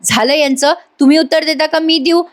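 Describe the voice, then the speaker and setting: A woman's voice: sits high, fairly even intonation, fairly quick, voice pushed up, natural voice. A woman voicing a firm, caring young wife who scolds the lazy men of the house.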